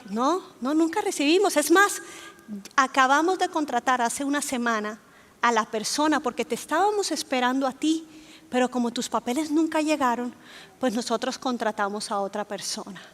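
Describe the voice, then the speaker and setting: High-voiced woman preaching with stories. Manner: lively storytelling, acts out dialogue. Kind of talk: sermon with personal testimony.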